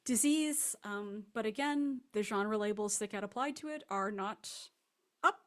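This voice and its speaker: With an unhurried, slightly bright mid-range voice, a woman appears as a guest novelist in an interview, chatting loosely and rambling with a self-deprecating streak.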